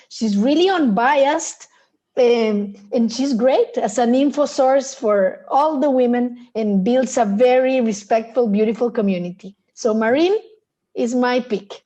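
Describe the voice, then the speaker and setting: A woman's voice: on the high side, unhurried, dark tone. A woman on a remote video call, speaking as a guest in a casual panel discussion, thoughtful and hesitant, with frequent restarts. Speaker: poker festival founder, panel guest.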